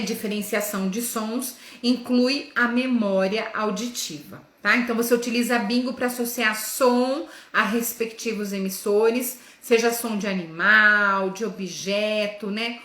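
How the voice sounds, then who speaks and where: A woman teaching other teachers. She talks in a didactic way, checks in with "né?" and "tá?" throughout, and sounds out letters and syllables slowly in her demonstrations. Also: fairly high pitch, pushed and bright, reverberant. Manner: didactic, with frequent "né?" and "tá?" check-ins. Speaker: educator. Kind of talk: lesson for teachers.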